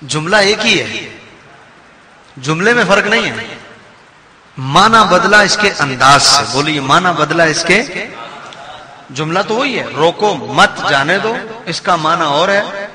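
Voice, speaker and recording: Preacher with a high voice in echoing hall. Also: male voice, pauses often. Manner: animated, explanatory, asks the audience. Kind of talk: sermon with storytelling. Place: mosque hall. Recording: long hall reverb, crowd audible. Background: crowd.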